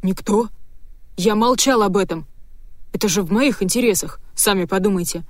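Woman voicing a nervous hysterical husband, shrill agitated outbursts, mid pitch, audiobook, dry sound. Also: moderate pace, no room sound, natural voice. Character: panicky middle-aged husband, nervous and hysterical. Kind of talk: audiobook character reading.

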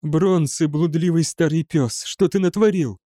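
A fierce, defiant female officer in an audiobook, her voice lifted high above the reader's own and sharp with protest, as a man puts her on. She speaks in raised outbursts, captured dry and close. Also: unhurried, no echo, lightly acted. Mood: frightened.

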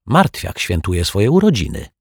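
A man voicing an earnest young boy who explains things in a low, hushed voice. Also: huge pitch swings, normal speed, husky, dry recording, studio quality, full character voice. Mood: explaining. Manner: explaining, whispering.

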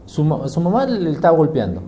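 Man preaching with a dark voice. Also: fairly high pitch, very animated, quick pace, a little hiss or hum. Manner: emphatic, fires rhetorical questions and answers them. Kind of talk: sermon.

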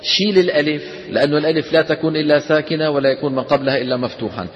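A man teaching a tajweed class, questioning his students and chanting verse lines slowly. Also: fairly high pitch, fairly even intonation. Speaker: Quran recitation teacher. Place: lecture hall with students. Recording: dull lo-fi lecture recording in a reverberant hall with faint noise.

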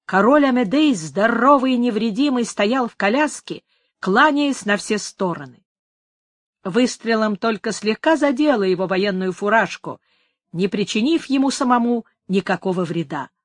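A woman reading a story aloud as narrator, measured and steady. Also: fairly high pitch, no echo, studio quality. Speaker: audiobook narrator. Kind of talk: scripted narration.

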